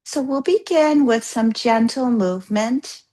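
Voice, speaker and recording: Speaking with a fairly high pitch, a woman guides yoga nidra in her role as a yoga therapist. The instructions come gently, soothingly and at an easy pace, with pauses.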